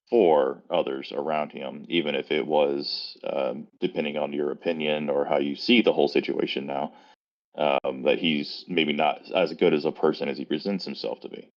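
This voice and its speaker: A man co-hosting a casual podcast, speaking in a thoughtful, hedging way through a muffled microphone. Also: rumbling low. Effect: muffled, dull-sounding mic. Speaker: podcast co-host. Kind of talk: casual chat. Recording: muffled lo-fi stream mic.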